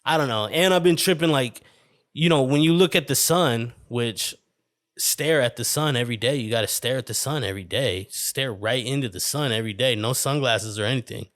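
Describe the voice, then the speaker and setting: A man talks into a close podcast mic in a dry, deadened room, his pitch sitting right in the middle of the usual male range. He rambles and swears, stacking fillers and false starts as he rants to his listeners. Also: fairly quick, fairly bright tone, dry recording. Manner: rambling, profane, lots of fillers and restarts. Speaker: podcast host. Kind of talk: casual solo podcast rant. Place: indoor room with a window.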